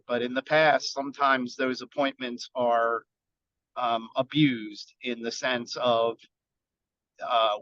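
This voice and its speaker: A man who sits on a county council, calling into a webinar on a car speakerphone while driving. He talks in short, halting phrases and thinks aloud. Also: medium pitch, fairly bright tone, dry recording. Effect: car speakerphone call while driving. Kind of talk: webinar panel comments. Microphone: phone speaker in a moving car. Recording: muffled phone line, dry.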